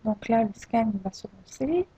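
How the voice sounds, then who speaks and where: A woman narrating a screen-recorded software tutorial, hesitant and full of fillers and restarts. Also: fairly high pitch, expressive, measured pace, slightly rough, no echo. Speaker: tutorial presenter. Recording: dull lo-fi home recording.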